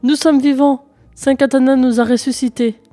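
A woman's voice: high-pitched, lively intonation, fairly quick, darkish tone, soft background music, pitched above the performer's own voice. A woman voicing a crowd of rescued villagers, chanting exultantly in a storybook reading. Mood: jubilant.

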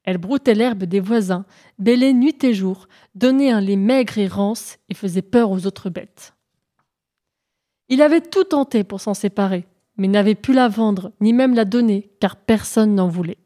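A woman narrating folk tales for a storybook, reading calmly and evenly. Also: mid-range voice. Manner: calm, measured narration.

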